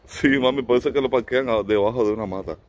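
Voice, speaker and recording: A middle-aged man with a medium-pitched, darkish voice talks fast as he vlogs casually through city streets and then into a shop. He holds his phone at arm's length, chats to his viewers as if they were family, and mixes English with German.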